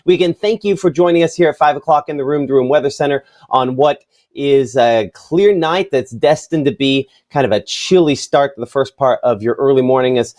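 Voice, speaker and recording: A man's voice: mid-range voice, a little mellow. A chief meteorologist presents the evening forecast from a TV weather studio. He is a man with a mid-range voice who talks loosely and conversationally, dropping fillers and side remarks as he walks through the maps. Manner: chatty, loose delivery with fillers and asides.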